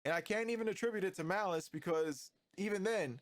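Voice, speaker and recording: A man's voice: sits high, fairly quick, no room sound. Man, stuffy nasal cold voice, casual gaming commentary, close dry mic. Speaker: gaming YouTuber.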